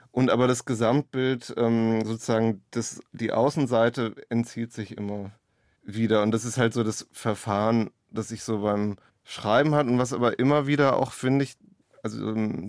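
In an interview, a male author reflects on his own writing in tentative, searching, winding sentences. His voice is medium-pitched with a darkish tone, recorded at studio quality with no echo.

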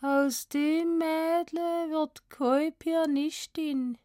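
A woman's voice: high-pitched, fairly even intonation, extremely slow, dark tone, no echo, clean studio sound, voice pushed up. A woman voicing a dazed young girl who suddenly speaks with a Swabian accent.

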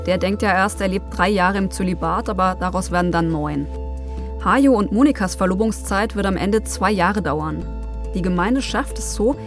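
A woman narrates a documentary podcast in a measured storytelling voice, mid-pitched and steady. Now and then she drops in a personal aside. Soft music sits faintly beneath her.

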